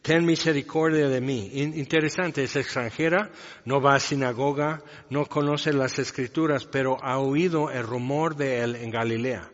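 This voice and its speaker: A man's voice: mid-range voice, fairly even intonation, moderate pace. Conversational male preacher in a reverberant hall. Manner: conversational, explaining a passage with asides and rhetorical questions. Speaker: pastor. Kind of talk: sermon. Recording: long reverb, dull lo-fi sound.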